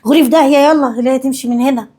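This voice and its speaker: A woman's voice: high-pitched, very fast, warm tone. A woman playing a spiteful Egyptian mother-in-law. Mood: scornful. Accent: Egyptian Arabic. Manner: scornful, cutting, insulting. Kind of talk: short web drama acting.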